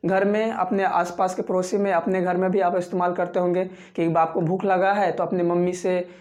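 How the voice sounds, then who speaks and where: Mellow-voiced teacher drilling phrases. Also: male voice, sits high, flat delivery. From Bihar, India. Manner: repetitive drilling, repeats phrases slowly for learners; constantly addresses viewers as friends. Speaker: spoken English teacher. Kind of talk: online spoken English lesson.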